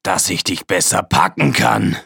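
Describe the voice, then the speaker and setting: Sly storybook wolf, very deep and husky, lively sinister swoops, read by a woman. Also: no echo, clean studio sound, exaggerated voice. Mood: menacing. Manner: slow, coaxing and sinister. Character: sly hungry male wolf, scheming.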